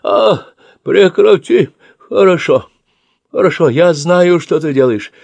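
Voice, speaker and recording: A man's voice: animated, slow pace, creaky, darkish tone, no room sound, exaggerated voice. A man voicing a bound, abusive old man in his seventies who shrieks and curses. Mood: pained pleading. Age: 70s. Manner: shrill, shrieking, cursing.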